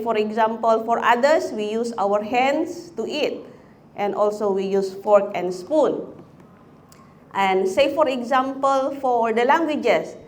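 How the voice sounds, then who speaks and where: A woman from the Philippines giving a chaplaincy talk, chatty, asking the audience questions. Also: on the high side. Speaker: chaplaincy speaker.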